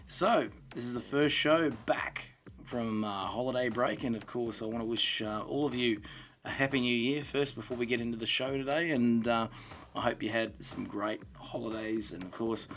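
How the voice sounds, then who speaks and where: A man's voice: medium pitch, moderate pace, a bit bright, a little hiss or hum. A man with an Australian accent hosting a solo podcast in an informal, matey, rambling way. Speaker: podcast host. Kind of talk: casual solo podcast monologue.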